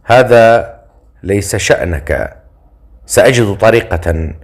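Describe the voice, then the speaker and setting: A man's voice: on the low side, animated, slow, heavily acted. A man voicing a young exiled princess, curt and cold, in a storybook reading.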